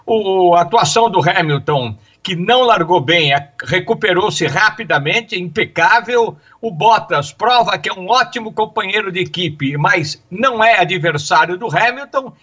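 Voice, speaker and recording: A Brazilian man analyses motor racing off the cuff in a high, bright, forceful voice. He thinks aloud with halting phrasing. The broadcast sound is somewhat dull and lo-fi. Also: expressive. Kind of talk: unscripted race analysis.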